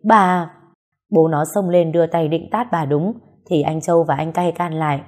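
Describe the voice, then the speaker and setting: Woman storyteller reading a family drama, lowish mellow voice. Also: steady tone, normal speed. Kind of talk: scripted story narration.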